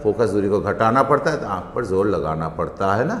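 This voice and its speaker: A man's voice: on the low side, animated, a little fast, a bit bright. A male teacher giving a physics lesson in a classroom, explaining step by step and often asking students questions. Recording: echoey room, long reverb.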